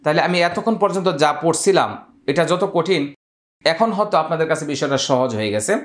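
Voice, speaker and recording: A man gives a Quran recitation lesson, walking through each rule step by step. His voice sits slightly high. It rings out in an echoey room. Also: animated. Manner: explains rules step by step, drawing out Arabic words slowly. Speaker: Quran teacher.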